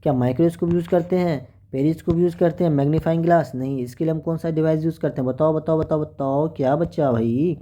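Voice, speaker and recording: A man's voice: a little high, fairly even intonation, fast talker, few pauses, dark tone, muffled recording. A man teaching an exam-prep lesson, working through questions in a chatty, coaxing way and often checking with the class.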